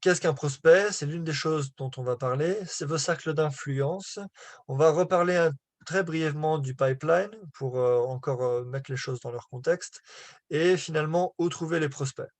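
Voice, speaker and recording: A man's voice: a little high, moderate pace, dry recording. A man giving a live online business lesson in French, hesitant with many fillers and restarts, apologizing for his rusty French. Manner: apologetic about his French, laughs at himself. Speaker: business coach presenting slides.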